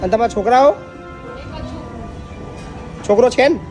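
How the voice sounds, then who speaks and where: High-voiced man reassuring elderly women. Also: unhurried, music in the background. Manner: reassuring, repeats questions back. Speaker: old-age home organizer and vlogger. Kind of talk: casual interview.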